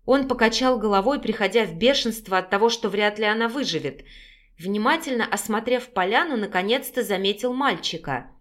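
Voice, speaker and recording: A woman narrating an audiobook in a steady, even storytelling voice. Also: mid-range voice, fairly quick. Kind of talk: scripted narration.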